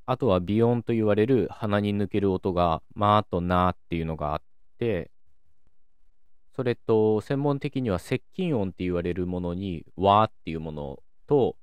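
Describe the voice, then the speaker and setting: A man calmly hosting a solo educational talk, explaining the sounds and grammar of a language. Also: lowish voice, moderate pace, smooth, no echo. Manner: calm, explanatory, lively intonation. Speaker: podcast host explaining linguistics.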